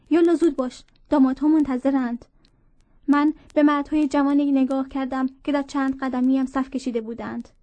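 A woman reading a story aloud in a measured narrating voice, speaking dialogue within the tale. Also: high-pitched, warm tone, dry recording. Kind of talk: audiobook narration.

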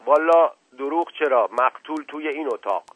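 A man's voice: a little high, fairly bright tone, husky, no room sound, pitched above the performer's own voice. A man doing a meek, folksy old servant. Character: humble old male servant with a folksy catchphrase. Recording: dull lo-fi recording.

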